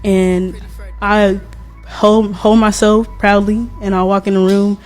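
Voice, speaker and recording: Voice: mid-range voice, flat delivery, takes it slowly. Speaker talking proudly over faint music. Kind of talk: casual personal reflection to camera.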